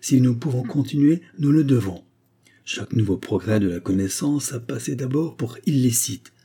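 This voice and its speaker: A man's voice: mid-range voice, animated, normal speed, dark tone, slightly rough. A man reading an audiobook, voicing an earnest man arguing firmly that the séance go on. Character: firm, reasoning male séance guest.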